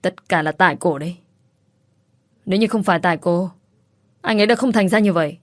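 A woman's voice: lowish voice, brisk, no room sound, clean studio sound, close to an everyday voice. A woman voicing a spiteful young female rival who shrieks scornful accusations in a storybook reading. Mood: scornful, shrieking.

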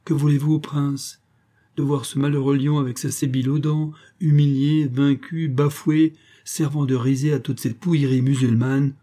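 A man playing a boastful, excitable lion hunter. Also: mid-range voice, moderate pace, close to an everyday voice. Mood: outraged. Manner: exclamatory, indignant outbursts.

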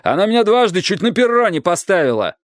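A gruff, impatient detective barks orders and threats, as a man reading an audiobook puts him on. His voice moves up and down with force. The sound is dry and close. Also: medium pitch, big pitch swings, normal speed, no echo. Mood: shouting. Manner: snapping, threatening, barking orders. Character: gruff big male private detective, impatient. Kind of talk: audiobook character voice.

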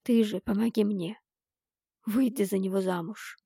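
A woman doing calm, hushed Mara. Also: mid-range voice, slightly rough, dry recording, clean studio sound. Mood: pleading. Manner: calm, quiet, slow and measured. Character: calm, unyielding woman, a mother with a secret.

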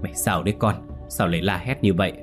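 A stern but caring older mother in a spoken horror story, chiding and then gentle. A male narrator speaks her lines in his own low voice, over faint background music. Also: quick pace, lightly acted. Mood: surprised. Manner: scolding, then softening.

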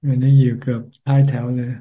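Man, Buddhist monk, video-call dharma talk, calm and measured, monotone, tinny phone-like audio. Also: medium pitch. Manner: calm, measured and gently encouraging.

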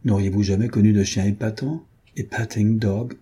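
A man's voice: lowish voice, fairly even intonation, moderate pace, warm tone, slightly rough. A man reading the part of an eager young Englishwoman who presses for a story with coaxing, insistent questions. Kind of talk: audiobook character voice.

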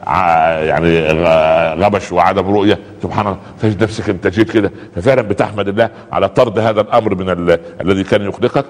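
A very low-voiced man with an Egyptian Arabic accent preaches in a chatty, colloquial way, peppering his talk with pious exclamations. He speaks quickly, and his voice carries a long reverb from the space. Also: steady tone. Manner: conversational, repeats pious exclamations, acts out little dialogues.

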